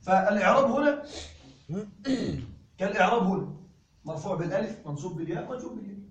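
A man teaching grammar in a classroom lecture, slowing down to stress examples and often asking if students follow. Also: high-pitched, animated, dull audio, a little hiss or hum. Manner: slow emphatic dictation of examples, checking understanding. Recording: echoey room recorded from a distance.

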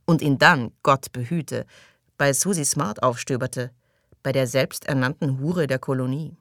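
Woman audiobook narrator, low voice, dry and close, measured and even. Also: no echo. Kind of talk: scripted narration.

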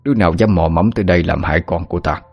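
A man's voice: low-pitched, rapid-fire, darkish tone, soft background music. A man voicing a fierce old village chief. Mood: furious. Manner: stern, threatening.

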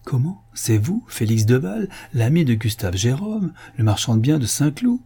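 A man reading a brisk, impatient police commissioner. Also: medium pitch, mellow, slightly rough, natural voice. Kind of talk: audiobook reading.

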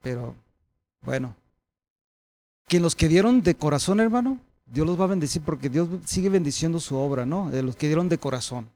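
A man pastor giving a conversational sermon, animated, calling the congregation brothers and swinging between loud and soft. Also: fairly high pitch, moderate pace, no room sound.

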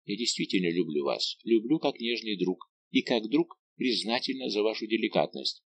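A man reading an audiobook voices a young noblewoman who speaks softly and earnestly. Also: on the low side, animated, moderate pace, dry recording. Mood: tender. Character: young noblewoman, tender and resolute.

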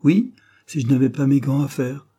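A man voicing a shrill, ill-tempered working wife who scolds and shouts. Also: normal speed, slightly rough. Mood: furious. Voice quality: piercing, shrill.

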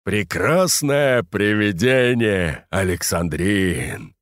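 A man voicing a polite, wistful Japanese guest who speaks slowly and softly, in an audiobook. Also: lowish voice, very animated, dry recording, studio quality, exaggerated voice. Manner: slow, soft, measured.

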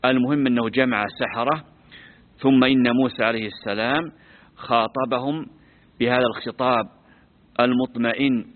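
A sheikh explaining Quran commentary in a lesson. He quizzes his listeners and slowly repeats words to teach how they are pronounced. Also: medium pitch. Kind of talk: classroom lesson on scripture. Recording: tinny lo-fi recording with long hall reverb.

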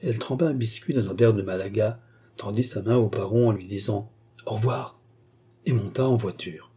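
A man narrating a classic novel as an audiobook, in a measured storytelling manner. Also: fairly low pitch, warm tone, breathy edge.

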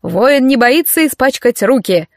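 A woman reading an audiobook, voicing a loud, pompous male martial-arts coach who draws out his commands. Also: high voice, expressive, no echo, studio quality, pitched above the performer's own voice. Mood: commanding. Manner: bellowing drawn-out commands.

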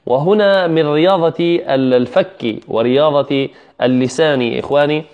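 A man teaching Quran recitation who repeats syllables slowly and draws out words as he demonstrates, and asks his students to repeat after him. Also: a little high, dull audio. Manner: addresses students directly and asks them to repeat. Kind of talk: recitation lesson.

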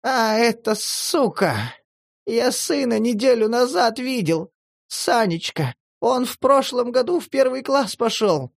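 A man putting on a shrill, strung-out homeless addict. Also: expressive, measured pace, dry recording, clean studio sound. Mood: aggrieved. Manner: shrill, agitated, pleading. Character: strung-out homeless male addict, touchy and tearful. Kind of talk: audiobook character voice.

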